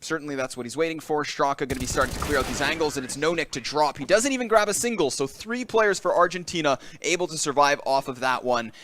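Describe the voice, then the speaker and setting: A man calling live esports play-by-play, brisk and analytical. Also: on the high side, a bit bright, slight background noise. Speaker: esports caster.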